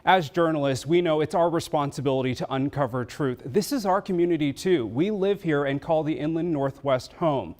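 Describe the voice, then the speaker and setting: A man anchoring the news, reading a scripted segment in a measured, earnest way. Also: on the high side, darkish tone. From United States.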